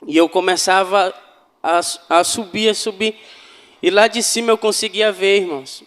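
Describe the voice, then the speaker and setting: A man's voice: high voice, normal speed, a bit bright, in a large hall. A man giving a fervent spiritual testimony to a congregation, often calling them brothers. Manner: fervent, addresses listeners as brothers. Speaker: church member giving testimony.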